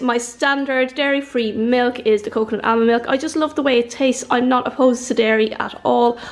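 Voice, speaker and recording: A young Irish woman with a slightly high voice narrates a grocery haul in her kitchen. She talks in a chatty, upbeat run-through of each item, recorded close on a handheld camera. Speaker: vlogger. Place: home kitchen.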